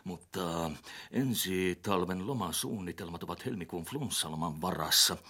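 A flustered, husky civil servant. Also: male voice, deep voice, sharp tone. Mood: fussy. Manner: flustered, stammering, evasive. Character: harried middle-aged male civil servant. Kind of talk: dubbed sitcom acting.

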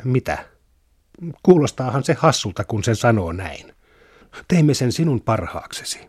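A man voicing a calm father who explains himself plainly in a book reading. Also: medium pitch, slightly rough, no room sound, clean studio sound. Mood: earnest.

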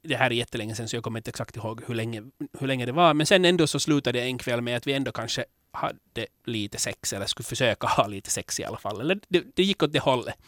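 A man in casual podcast conversation, talking candidly and rambling through his thoughts with frequent restarts. His voice sits at a middle pitch with a slightly gravelly edge, and it is recorded close and dry with no room sound. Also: few pauses, dry recording. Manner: candid, rambling with restarts, turning animated in anecdotes. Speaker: podcast host.

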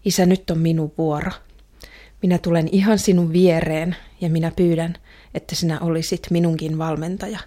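A woman's voice: fairly low pitch, level tone, mellow, lightly acted. A woman voicing a young girl who longs for her father's approval, speaking in an earnest, hesitant first-person radio drama monologue.

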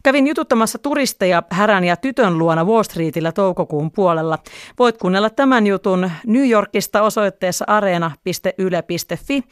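A culture reporter delivers scripted news narration in a measured, even way. The voice sits at a middle pitch and sounds close and dry, with no room around it. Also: clean tone, no echo.

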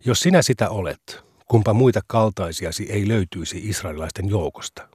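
A man's voice: on the low side, a little mellow, slightly rough, no room sound. Pushy goading man, insistent questions, dry close sound, man reading the part. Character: pushy, mocking young male provoker.

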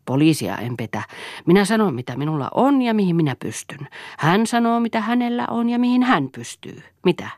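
Kiivas ja suorapuheinen nuori nainen, jonka lukijanainen esittää tiuskii ja tinkii terävällä äänellä. Sävelkorkeus heittelee voimakkaasti ylös ja alas. Äänitys on kuiva ja lähellä. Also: female voice, mid-range voice, sing-song, dry recording, studio quality, pitched above the performer's own voice. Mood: haggling. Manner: sharp, scolding and haggling. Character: fiery, blunt young woman, a former housemaid. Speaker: audiobook reader. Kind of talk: novel reading.

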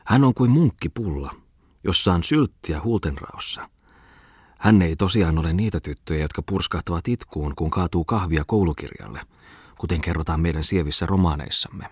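Guy voicing a loud excitable scholar type, husky low voice. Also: no echo, studio quality, exaggerated voice. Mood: exclaiming. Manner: exclaiming. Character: enthusiastic learned man, loud exclaimer.

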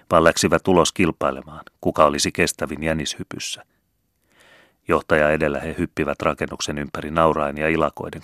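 A man with an extremely deep, low voice narrates a story in a measured, unhurried way. The sound is dry and close to the mic, with no room around it. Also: a bit bright, dry recording. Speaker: audiobook reader. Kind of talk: scripted narration.

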